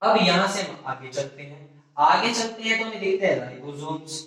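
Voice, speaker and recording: A man's voice: high-pitched, animated, moderate pace, a bit bright, far from the mic. Man teaching in a very echoey room. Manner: repetitive call-and-response questioning, frequent self-corrections. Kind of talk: classroom biology lecture in Hindi-English mix.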